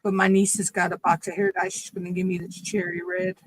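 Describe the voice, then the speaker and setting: A woman's voice: lowish voice, little pitch movement, fairly quick, background noise. A woman chatting casually as the host of a livestream. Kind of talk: casual chat.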